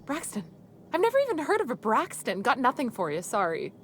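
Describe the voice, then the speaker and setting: A guarded, jumpy video game townswoman. Her voice is very high and swings widely as she speaks defensively. There is faint noise and ambience around her. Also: wildly swooping pitch, brisk. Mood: startled, defensive. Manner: startled, defensive.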